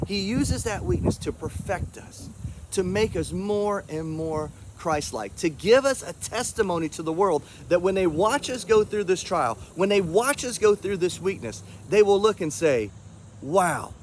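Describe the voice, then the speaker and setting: An earnest male pastor with a lively, rising-and-falling voice pitched a little high for a man. He reads scripture aloud and speaks in an encouraging way. Faint vehicle noise hums in the background. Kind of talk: short devotional talk.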